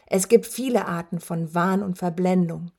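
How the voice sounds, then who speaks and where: With a lowish, darkish voice at a moderate pace, a woman gives voice to an enormous male werewolf near death. He gloats menacingly, taunting in a rattling rasp as he wheezes with labored breath.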